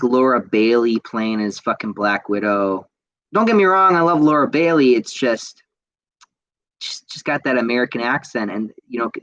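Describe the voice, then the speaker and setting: A man's voice: fairly high pitch, fairly bright tone, no echo, poor audio. A young man hosting a podcast, chatting casually and reading out viewer comments with lots of fillers and restarts. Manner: rambling, enthusiastic, frequent fillers and restarts. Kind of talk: casual chat.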